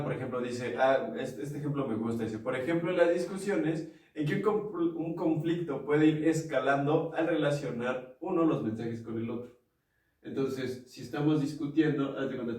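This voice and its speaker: A man's voice: medium pitch, moderate pace, a little mellow. A man with a Mexican accent co-hosting a casual podcast, explaining ideas with examples and acting out quoted lines. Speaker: podcast co-host. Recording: echoey room, mic at a distance.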